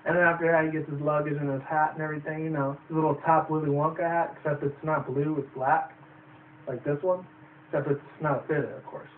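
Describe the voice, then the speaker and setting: A man's voice: fairly high pitch, level tone, a little fast. A young man giving a loose, profane, rambling movie review. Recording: distant tinny phone-like audio with faint noise.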